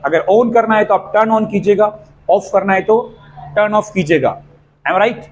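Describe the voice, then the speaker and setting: Indian guy teaching english class, pretty high voice, keeps asking "am i right", bit of background noise. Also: normal speed, rough recording. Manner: mixes Hindi and English, checks in with "am I right?". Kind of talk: classroom lesson explaining grammar. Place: coaching institute classroom.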